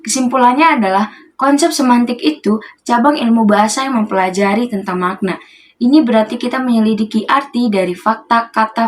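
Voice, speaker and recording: A young woman student reading a conclusion for her class in a plain, measured way. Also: mid-range voice, a little hiss or hum. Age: young adult. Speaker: student presenter. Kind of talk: reading a summary.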